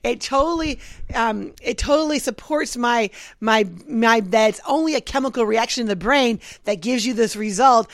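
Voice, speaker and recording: A woman's voice: on the high side, normal speed, no echo. A woman chatting casually on a podcast, rambling with restarts and laughs. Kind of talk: casual chat.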